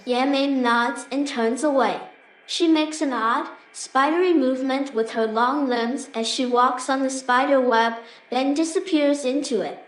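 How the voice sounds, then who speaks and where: Woman, high voice, scripted fantasy narration, roomy echo, faint noise. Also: a little slow, recorded from a distance.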